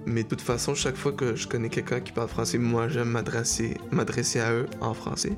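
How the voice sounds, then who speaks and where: A man's voice: mid-range voice, brisk. A young man from Mexico, half Canadian, answering interview questions casually, with fillers and restarts. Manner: relaxed, hesitant, with fillers. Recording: faint music behind.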